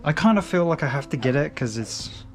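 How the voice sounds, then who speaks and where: A young English man chatting casually at home as he organises his manga shelves, relaxed and rambling with frequent restarts. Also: a little high, brisk. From England. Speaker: manga collector vlogger. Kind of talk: casual chat.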